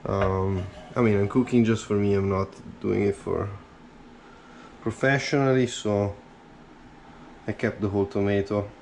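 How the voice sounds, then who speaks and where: A slow-speaking cooking vlogger chats casually while chopping and mixing in his small home kitchen, recorded first-person on a head-mounted camera. His voice is lowish and gravelly, with slight background noise.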